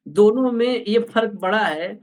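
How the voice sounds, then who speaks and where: A male host with a somewhat high voice leads a casual political discussion. He speaks in a measured way and lays out his counterpoints step by step. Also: a little mellow.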